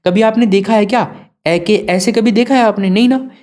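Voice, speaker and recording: Mellow-voiced Hindi teacher. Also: male voice, sits high, moderate pace. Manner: asks students questions and answers them himself. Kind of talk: classroom lesson.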